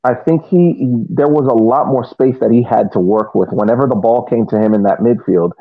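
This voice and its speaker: On a podcast panel, a man offers casual soccer analysis in a halting way, often repeating words as he reasons through his point. His mid-range voice is slightly rough. The audio is narrow and tinny, with no room sound.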